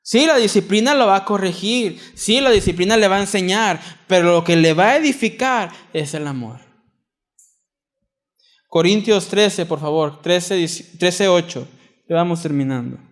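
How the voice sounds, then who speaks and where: A young adult man with a Mexican accent preaching a sermon in a church, earnest, moving from loud emphatic reading to soft quiet asides. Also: high voice, expressive, normal speed. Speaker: pastor.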